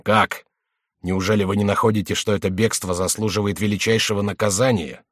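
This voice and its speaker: A man's voice: fairly low pitch, steady tone, a little fast, no room sound, studio quality, natural voice. A man voicing a distraught, hot-tempered male king in an audiobook, wailing and ranting. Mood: reproachful.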